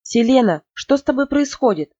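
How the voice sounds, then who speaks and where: A storyteller voicing a stern, angry middle-aged father who shouts and forbids, in a dull, dry recording. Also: mid-range voice, moderate pace, dry recording, close to an everyday voice. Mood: shouting.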